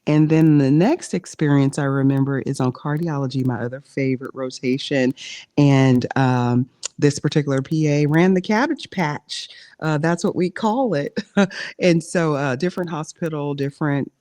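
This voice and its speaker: A woman's voice: sits low, moderate pace, dark tone, no room sound. A woman hosting a casual podcast interview as a physician, chatty and joking, with fillers as she talks. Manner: chatty, jokey, with frequent fillers and laughs.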